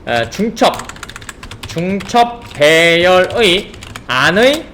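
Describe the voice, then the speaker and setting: Man teaching code with lively high voice. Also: drawn-out words, roomy sound, slight background noise. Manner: rhetorical questions, checks understanding often. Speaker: programming instructor. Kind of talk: live coding lecture.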